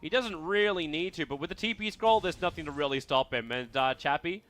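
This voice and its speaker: A man doing live esports play-by-play commentary, excitable and rising to shouts at big plays. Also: a little high, fairly quick.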